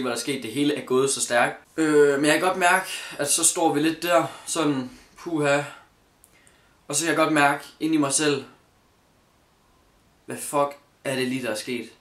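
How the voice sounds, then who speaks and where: A man's voice: medium pitch, fairly even intonation, a bit bright. Earnest young man, echoey room. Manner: earnest, hesitant, many fillers and restarts. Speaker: YouTuber telling a story. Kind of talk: casual story time vlog.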